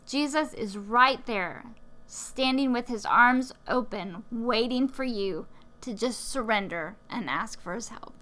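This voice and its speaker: Slow, bright-voiced woman co-hosting devotionals. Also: on the high side. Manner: encouraging, gently preachy. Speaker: podcast co-host.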